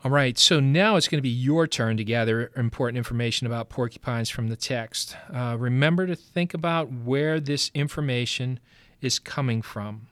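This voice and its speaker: A male teacher walks his class through a reading lesson, patient and instructive. He speaks in an everyday middle-pitched voice with plenty of fillers along the way. The recording is dry and close. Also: normal speed, a bit bright, dry recording.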